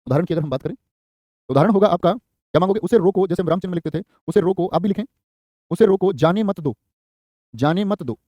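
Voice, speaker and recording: Sitting high with a dark tone and no echo, this man's voice leads an online exam-prep session. He moves fast, repeating key phrases for dictation and addressing each student by name.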